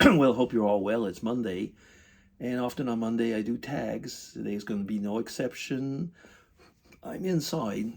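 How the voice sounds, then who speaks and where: An older retired man chatting casually in a vlog, answering tag questions at his computer indoors, halting with frequent ums and throat-clearing. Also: mid-range voice, a little mellow. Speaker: vlogger.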